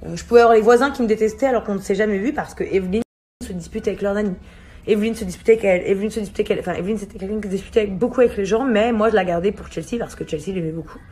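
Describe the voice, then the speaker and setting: A young woman, a mother and vlog host, casually telling a story to camera with many hesitations and animated quoted dialogue. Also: mid-range voice, racing.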